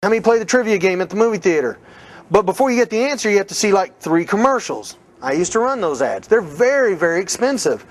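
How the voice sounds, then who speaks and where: A middle-aged man leading a live real estate seminar, energetic and coaching the room with questions to the audience. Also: high-pitched, quick pace.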